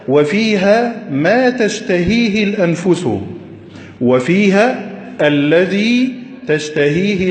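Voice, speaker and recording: A man teaching Arabic grammar at a whiteboard, slow and deliberate, quizzing his listeners with questions. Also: a little high. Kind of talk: classroom lesson at a whiteboard. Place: classroom with a whiteboard. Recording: echoey, reverberant room.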